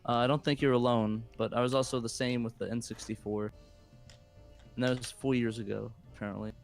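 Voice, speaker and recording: A man's voice: mid-range voice, steady tone, fairly quick, vocal fry, faint music behind. A man hosting a stream, chatting in an easygoing way and bantering with his co-hosts. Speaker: stream host reading chat. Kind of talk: casual chat.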